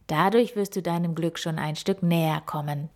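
A woman voicing a wise old female owl in a storybook reading, speaking calmly and gently. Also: sits low, lightly acted. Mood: gentle. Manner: calm, gentle and unhurried.

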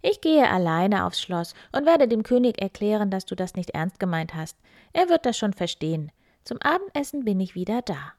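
A woman voicing a young miller's daughter, talking in a high, tearful, pleading way. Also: big pitch swings, moderate pace, a little mellow, no room sound. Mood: reassuring. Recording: dry close recording.

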